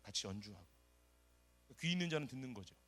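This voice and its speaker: A middle-aged South Korean pastor preaches a sermon woven with his own testimony, talking fast in a mid-range voice. He's animated, acting out the people he quotes.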